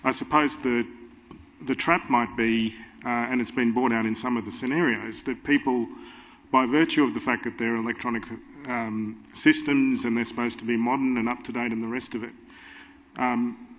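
A man's voice: mid-range voice, steady tone, fairly bright tone, a little hiss or hum. Guy in his 30s on a panel, careful hedged answers, dull sound, long hall reverb. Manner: measured, qualifying answers. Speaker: panelist giving legal advice. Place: large conference hall stage. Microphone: table mic.

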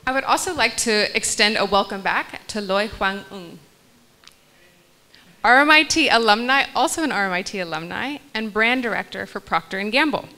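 Introducing panel guests from a large hall stage, a young woman reads their bios into a handheld mic and lightly laughs at her slips. Her mid-range voice is expressive, bright and forceful, at a normal pace.

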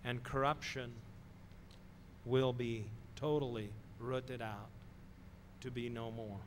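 A middle-aged man preaching a sermon in a slow, deliberate way, pausing often and stressing key words. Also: mid-range voice, steady tone, slight background noise. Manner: slow, deliberate delivery with pauses and emphatic stresses. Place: church sanctuary, speaking from a wooden pulpit.

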